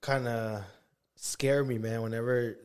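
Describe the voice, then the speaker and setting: A man's voice: mid-range voice, steady tone, measured pace, a little mellow, smooth. A man co-hosting a podcast, chatting casually with slangy, profane wording. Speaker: podcast co-host.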